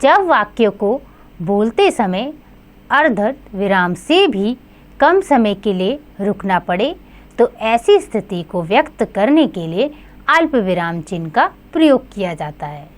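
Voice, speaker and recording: A woman gives a scripted grammar lesson to young children. She speaks slowly and a little high, and her pitch swoops up and down in a sing-song teacherly way. Each point comes out clear and unhurried.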